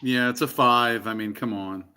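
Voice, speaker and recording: A man co-hosting a laid-back round-table chat. His tone is bright and forward. He rambles, fills gaps with ums, and wanders into asides. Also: medium pitch, steady tone, moderate pace, clear, resonant tone. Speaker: co-host of a collecting round table. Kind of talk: casual chat.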